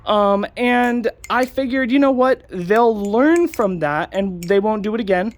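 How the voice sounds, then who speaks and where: A man's voice: high-pitched, unhurried. Young man, casual vlog commentary, sarcastic rant, filler-heavy. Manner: ranting, sarcastic, many fillers. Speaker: channel host.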